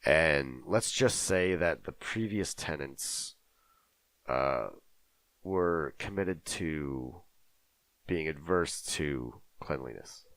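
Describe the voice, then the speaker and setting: A man co-hosting a casual podcast from his home basement music room, talking in a halting way with many fillers and restarts. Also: rumbling low, expressive, fairly bright tone, no room sound. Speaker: podcast co-host. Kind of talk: casual chat.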